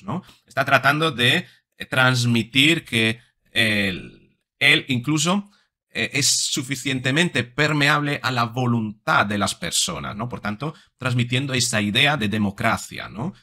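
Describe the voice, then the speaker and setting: In a small room indoors, a psychologist in his forties speaks close in front of a desk microphone, his medium-pitched voice sharp in tone. He analyzes and explains body language, often checking in with brief tag questions.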